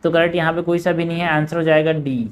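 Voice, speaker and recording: A man working through exam quiz questions. He reads each question slowly, then explains it quickly in a casual tone, often saying "bhai" and "yaar". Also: a little high, monotone, clear, resonant tone. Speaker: exam prep teacher. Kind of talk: solving quiz questions aloud.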